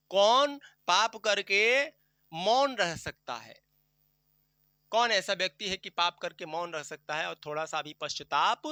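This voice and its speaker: High-voiced, bright man teaching a poem. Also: no room sound. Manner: explains line by line, asks and answers own questions; recites verse slowly and drawn out. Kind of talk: classroom poetry explanation.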